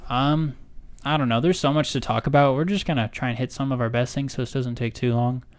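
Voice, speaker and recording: A man co-hosting a casual fan discussion podcast, chatty and hesitant, filling pauses often. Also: mid-range voice, fairly even intonation. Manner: chatty, hesitant with many fillers. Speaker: podcast co-host.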